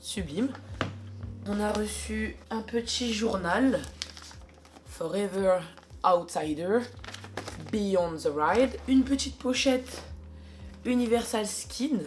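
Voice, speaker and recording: A woman's voice: mid-range voice, slow, long pauses, a little hiss or hum. A woman with a French accent, chatting casually to camera as a cycling vlogger, upbeat and full of fillers, filming on a handheld phone. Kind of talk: casual vlog chat to camera.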